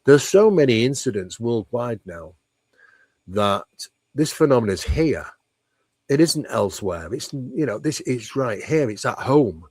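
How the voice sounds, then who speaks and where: This man, a paranormal researcher being interviewed, talks through paranormal topics at length, conversationally and emphatically, frequently posing rhetorical questions. His mid-range voice is animated and unhurried, darkish and husky, recorded with no room sound.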